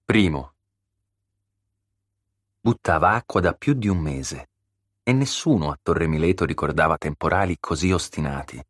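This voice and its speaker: Brief: very deep male audiobook narrator, measured and steady, dry close studio mic. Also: dry recording. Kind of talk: scripted narration.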